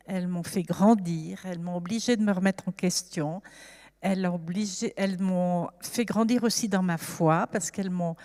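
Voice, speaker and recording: A woman's voice: medium pitch, darkish tone, in a large hall. A woman in her seventies from France, giving an earnest, reflective personal testimony at a church service. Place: church hall.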